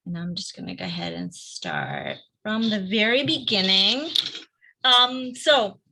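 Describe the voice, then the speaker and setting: A middle-aged woman from Argentina gives an informal, upbeat presentation as a guest speaker on a video call, often pausing with "um". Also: mid-range voice, bright, forceful tone. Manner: upbeat and conversational, frequent "um"s. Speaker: guest speaker, advocacy field director.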